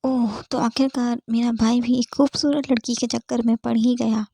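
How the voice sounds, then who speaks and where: A woman voicing a playful, teasing young male doctor friend in an audiobook story, chatty and quick to tease. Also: a little high, flat delivery, gravelly, mellow, slightly rough. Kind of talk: audiobook character voice.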